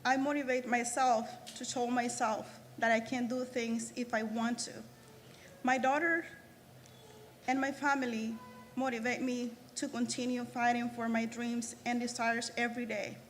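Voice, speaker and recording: Speaking as the graduating student at a ceremony, this earnest Salvadoran woman in her 30s delivers a prepared speech, stumbling and restarting as she goes. Her pitch is fairly high and her tone stays level. The hall is reverberant, with faint noise.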